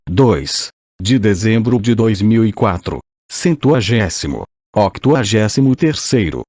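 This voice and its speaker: Old synthesized male voice, Brazilian, low-pitched. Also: a little mellow, dry recording. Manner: mechanical scripted reading, spelling out punctuation. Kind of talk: audiobook reading of a legal text.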